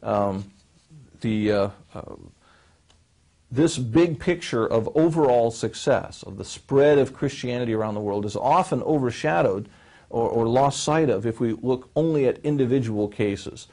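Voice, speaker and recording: Measured man explaining church history. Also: mid-range voice, darkish tone. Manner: measured, explanatory, with frequent fillers and restarts; gestures with his hands while speaking. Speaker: seminary professor answering questions. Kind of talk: lecture-style interview answer. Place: small studio set with a wood-panel backdrop, seated.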